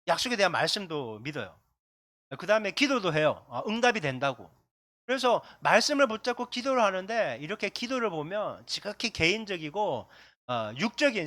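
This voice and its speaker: A middle-aged male pastor from South Korea preaches in a high, animated voice that rises and falls a lot. He talks through his sermon conversationally, pointing to slides. The sound is close and dry. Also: no room sound. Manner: conversational preaching with slide references and acted quotes.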